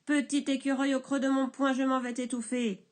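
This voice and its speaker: A woman voicing a big blustering male woodcutter in a storybook reading, shouting in indignant outbursts. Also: sits high, normal speed, natural voice. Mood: threatening.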